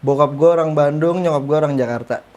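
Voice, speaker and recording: A man's voice: on the high side, quick pace, a little mellow, dull audio. A man, a guest in a casual interview, answering in an easygoing way with short replies.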